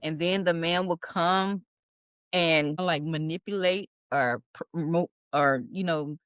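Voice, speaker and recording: A woman hosts a group chat on a podcast, pushing with direct questions. Her voice sits a little low and the sound is dry and close. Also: slow pace, a bit bright, clear, resonant tone, no room sound. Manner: probing, asks pointed questions. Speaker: podcast co-host. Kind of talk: casual group discussion.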